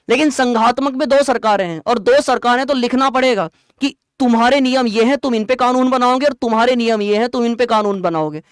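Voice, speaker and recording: A male teacher giving an online exam-prep lecture, explaining terms plainly and quizzing students with quick rhetorical questions. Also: extremely high pitch, clean tone, no echo, studio quality.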